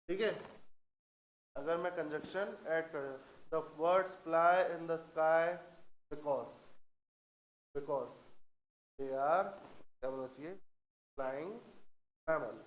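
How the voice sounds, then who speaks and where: A man teaching English grammar in a classroom, who dictates example sentences slowly and keeps asking the class if it is clear. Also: a little high, reverberant, poor audio.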